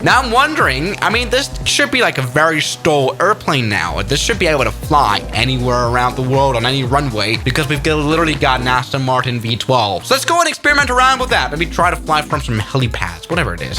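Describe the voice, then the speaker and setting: A man giving excited, sarcastic flight simulator commentary as a gaming host, exclaiming and muttering as he plays. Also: medium pitch. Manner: animated, sarcastic, exclaims and mutters while playing. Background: music.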